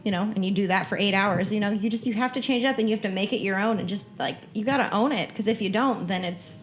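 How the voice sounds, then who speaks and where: A woman's voice: mid-range voice, quick pace, faint music behind. A woman with a mid-range voice co-hosts a casual podcast. She talks emphatically and rambles, with lots of "you know"s. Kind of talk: casual chat.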